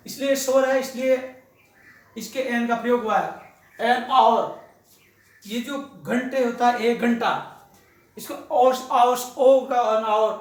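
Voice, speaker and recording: High-pitched man teaching in an echoey room. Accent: Indian English. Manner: addresses students fondly, repeats words slowly for drill. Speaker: English teacher. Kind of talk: grammar lesson.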